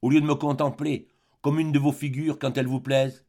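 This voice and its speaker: A man's voice: on the high side, flat delivery, fairly quick, mellow. A man voicing a fierce, jealous old spinster woman who scolds in a brusque, bossy way. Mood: coaxing.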